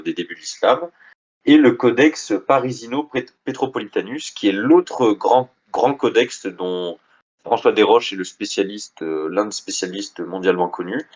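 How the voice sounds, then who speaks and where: A man with a tired voice giving a live online lecture about a book, speaking hesitantly with frequent restarts and casual asides. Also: on the low side.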